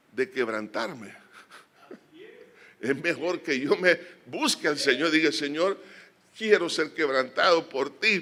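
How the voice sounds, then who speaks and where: A male pastor preaching a sermon in a bright, forceful voice. He swings between emphatic, climbing exhortations and hushed, earnest prayer. His pitch sits in the middle for a man.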